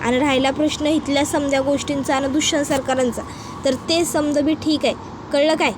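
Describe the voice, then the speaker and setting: A woman's voice: sits high, steady tone, fairly quick, background noise, natural voice. A woman voicing a stubborn rustic young village bride who talks in a fussy village dialect. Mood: cheerful.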